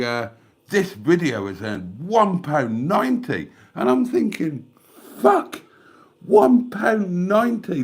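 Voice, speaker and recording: His voice is mid-range with a darkish tone: an older British man hosting a relaxed YouTube livestream at home by the fridge. He has a cold, sounds congested and coughs, and he rambles on in a self-mocking manner, calling his audience darlings, all through a desk microphone.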